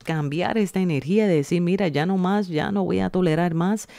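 Soft-voiced woman giving a tarot reading. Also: lowish voice, dry recording. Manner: slow, soothing, reassuring, speaks directly to the viewer. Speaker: tarot reader. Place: indoors at a table, hands seen laying out cards.

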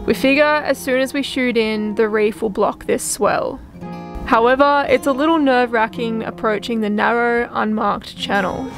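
A young woman narrating a casual sailing vlog, chatty and a little nervous, sometimes poking fun at herself. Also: fairly high pitch. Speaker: sailing vlogger. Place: outdoors on a sailboat at sea in wind. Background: music and waves.

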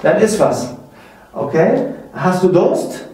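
A high-pitched man gives a casual German lesson, repeating each example sentence slowly and asking his viewers questions. He sits well back from the mic, and the room rings with heavy echo. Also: very animated, mellow. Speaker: German teacher. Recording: very echoey room, mic far off.

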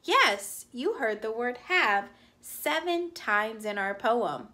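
A woman teaching kindergartners, speaking slowly and sounding out words for young children. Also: on the high side, lively intonation, sharp tone. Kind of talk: slow, clear classroom instruction.

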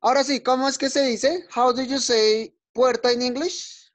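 A male teacher leading an online class for young children. He is patient and encouraging, repeating each word slowly and checking in often. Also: very high voice, fairly even intonation. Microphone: video call. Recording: dull lo-fi video call audio.

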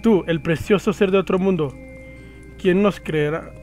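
A man voicing eerie, bossy sixteen-year-old twin sisters, reading calm, insistent game lines. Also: sits high, measured pace, soft background music. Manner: reads calm, insistent dialogue from the screen.

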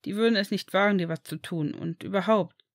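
A woman voicing an eager, excitable eleven-year-old boy in a storybook reading. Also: medium pitch, a little fast, no room sound, clean studio sound, natural voice.

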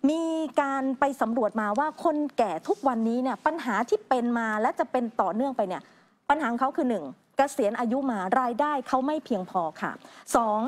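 A woman co-anchoring a news show, reading items and adding chatty, opinionated remarks. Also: on the high side. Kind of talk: conversational news commentary.

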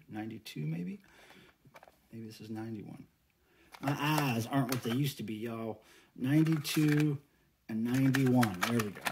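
Against a noisy background, a middle-aged man from the US with a mid-range voice chats in a folksy, laid-back way, as if unboxing on a home vlog. He collects records, manages a fan site, and vlogs from a small indoor room at home.

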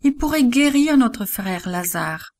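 A woman voicing a frightened young woman wishing for help, read in a soft, quiet tone. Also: a little high, animated, slow pace. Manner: soft, quiet storybook reading.

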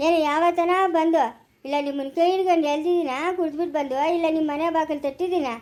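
Played by a woman, this indignant, quarrelsome village man scolds and rants in a rural Chikkaballapura Kannada accent, his voice pitched very high and darkish in tone. He talks fast in a steady tone, firing off repeated, defensive bursts as if in a family skit.

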